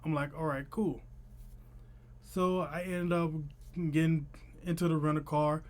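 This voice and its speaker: A man's voice: on the high side, flat delivery, unhurried. A young man with a lisp that slurs his s toward sh, chatting casually to camera as he tells a story in informal, slangy speech. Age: young adult. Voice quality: lisp with slushy sh-like s sounds. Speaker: vlogger. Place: small room at home.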